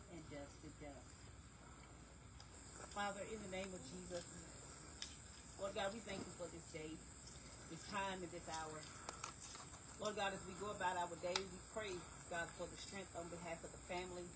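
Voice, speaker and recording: A woman minister speaking in solemn, measured phrases as she leads a committal and prayer outdoors at a graveside. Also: lowish voice, fairly even intonation. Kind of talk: committal rite and spoken prayer. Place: outdoors at a cemetery under a tent. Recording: very noisy outdoor camera recording.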